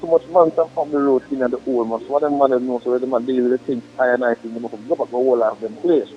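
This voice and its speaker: A man's voice: mid-range voice, steady tone, quick pace, slight background noise. A Jamaican man speaking casual, slangy patois on a tinny three-way phone call. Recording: tinny phone line with faint music.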